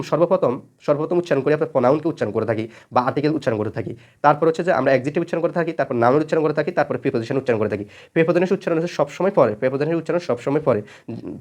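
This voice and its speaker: Quick male grammar teacher, Bengali native, slightly high voice, repeats himself a lot. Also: a little mellow. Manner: repeats each point several times, many fillers. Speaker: English teacher. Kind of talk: spoken grammar lesson.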